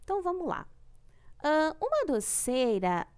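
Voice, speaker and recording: A woman's voice: sits high, huge pitch swings, measured pace, a little mellow. A young woman teacher with a Brazilian Portuguese accent, patiently going over homework in a recorded class and often checking in with "tá?". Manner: patient, ends phrases with "tá?", syllables drawn out. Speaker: primary school teacher.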